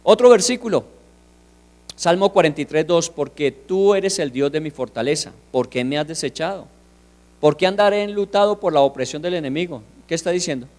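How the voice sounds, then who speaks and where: A man preaching a sermon, firing rhetorical questions and swinging from hushed asides to loud declarations. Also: on the high side, expressive, fairly quick. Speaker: pastor.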